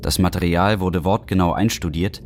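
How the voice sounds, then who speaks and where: A man announcing a radio drama and reflecting on performing it, in a measured, deliberate way. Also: low voice, steady tone, a little hiss or hum. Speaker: narrator and stage actor.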